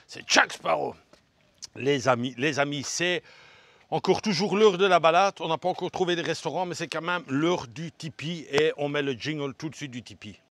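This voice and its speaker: Chatty vlogger, hot and winded. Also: male voice, on the high side, normal speed, fairly bright tone, no echo. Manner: chatty, jokey, addresses viewers directly. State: hot and out of breath from walking. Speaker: travel vlogger. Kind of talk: casual vlog narration while walking. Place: outdoor ridge path.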